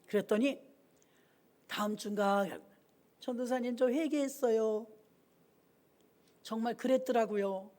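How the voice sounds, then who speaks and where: A woman's voice: on the high side, warm tone. A woman pastor preaching a sermon in church, telling stories and acting out the dialogue, exhorting the congregation emphatically. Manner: storytelling, acting out quoted dialogue.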